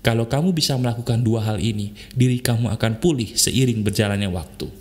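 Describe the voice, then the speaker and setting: A man's voice: mid-range voice, quick pace, a little mellow. A man hosting a motivational podcast, talking earnestly and coaxingly to listeners, repeating his key points. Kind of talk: heartfelt motivational talk.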